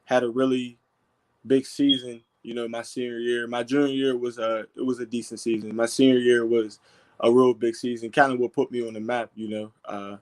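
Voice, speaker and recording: A young man from Pittsburgh, a football player as guest, talking in a relaxed way full of fillers. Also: mid-range voice, moderate pace. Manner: relaxed, filler-heavy, lots of "you know". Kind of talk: casual interview.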